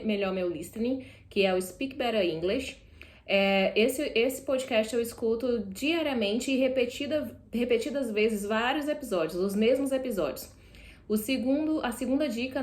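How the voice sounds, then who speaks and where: Seated indoors, a young woman from Brazil talks to camera in a chatty way, her Brazilian Portuguese accent clear as she fixes sentences partway through and adds lively side comments. Her voice is on the high side, and the room sounds echoey.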